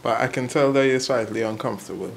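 A man's voice: medium pitch, fairly even intonation, fast, slight background noise. A man giving casual, laid-back ratings off camera, teasing and a bit hesitant. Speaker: boyfriend rating outfits.

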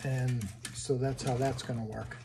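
A man casually walking through his hobby wiring build in a home workshop, halting and thinking aloud as he handles parts. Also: mid-range voice, little pitch movement, vocal fry, very noisy.

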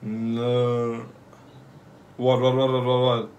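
A young man giving excited live reaction commentary in casual street slang, swearing freely and repeating short phrases. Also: mid-range voice, slow pace, muffled recording, a little hiss or hum. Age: young adult. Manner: casual street slang, like "yo", "fam", "bro", "no cap". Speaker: anime reaction host. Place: small bedroom or home room, indoors.

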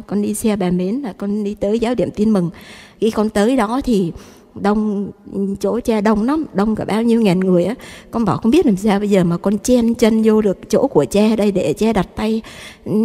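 Woman, spoken faith testimony, humble and rambling, repeats herself, mellow tone, long hall reverb. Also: mid-range voice. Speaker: mother giving testimony.

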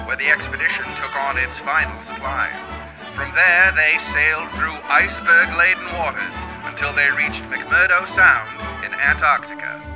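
High-voiced man narrating an old newsreel. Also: rough recording. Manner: formal, declamatory announcer delivery. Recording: narration over clear music.

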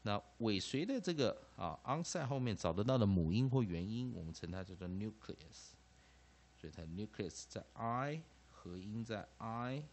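Here a Taiwanese Mandarin-accented English teacher with a lowish voice gives a phonics lecture at normal speed, classroom-style. Lively throughout, he peppers his lines with "ah" and "ha" and keeps repeating the key terms.

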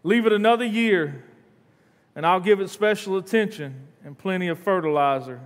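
A man's voice: sits high, normal speed. A man, preaching a sermon in earnest from a church stage. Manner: earnest, repeats words, paces the stage. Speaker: pastor. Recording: long hall reverb in a church.

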